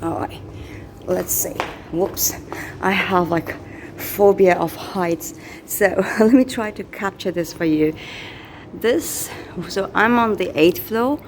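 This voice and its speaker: A woman narrates a casual handheld vlog as she tours a hotel. She speaks slowly and haltingly, in an unscripted, chatty way. Faint ambient noise of the hotel sits behind her voice. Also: mid-range voice. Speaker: vlogger touring a hotel. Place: small hotel room, later the hotel lobby, corridors and elevator. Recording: noisy handheld recording with background ambience.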